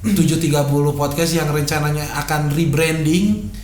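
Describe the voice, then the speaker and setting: Young male podcast host, Sundanese accent, fairly high voice, slangy banter, roomy recording. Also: fairly even intonation, normal speed, darkish tone. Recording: roomy echo, faint background noise.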